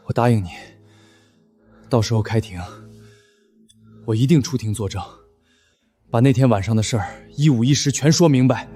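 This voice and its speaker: A man's voice: mid-range voice, normal speed, long pauses, dark tone, soft background music, natural voice. Man acting resigned, earnest friend. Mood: resigned resolve. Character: reluctant friend who agrees to testify as a witness. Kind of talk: short-drama acting.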